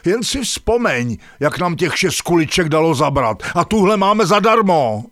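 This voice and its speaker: A woman's voice: lowish voice, very animated, no room sound, studio quality. A woman voicing a bossy, nagging female dung beetle in a cartoon who scolds sharply. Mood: scolding.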